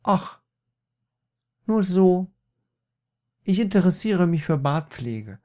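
A man voicing a sly, nosy female investigator in a comic spoken story, speaking slightly higher than his own voice. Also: big pitch swings, slow pace, a little mellow, exaggerated voice.

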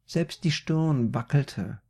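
A man's voice: a little high, takes it slowly, a little mellow, slightly rough. A man narrating an improvised spooky story in a playful way, with slips and self-corrections.

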